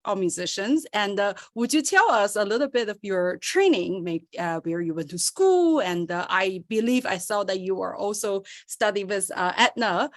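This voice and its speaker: A woman's voice: mid-range voice, animated, moderate pace, few pauses. A woman co-hosting a piano podcast, asking curious, eager questions. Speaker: podcast co-host. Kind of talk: interview hosting.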